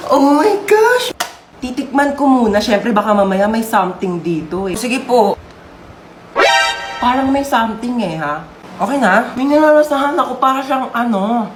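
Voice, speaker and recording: A woman's voice: on the high side, normal speed, echoey room, over loud music. Playful Filipina woman acting comedy skits. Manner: playful, switching between many skit characters.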